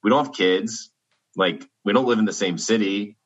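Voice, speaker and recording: Deep, husky man on a dull call. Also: normal speed. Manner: earnest, reflective, easygoing. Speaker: podcast co-host. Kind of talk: casual chat over a video call. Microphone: video call.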